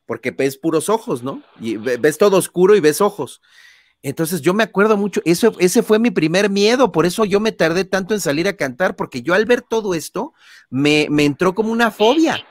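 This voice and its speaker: A man's voice: sits high, animated, fairly quick, no room sound, clean studio sound. A man with a Mexican accent, an interview guest telling anecdotes casually and acting out scenes with sound effects, often adding tag questions. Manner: frequent tag questions and fillers. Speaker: guest, son of a famous singer.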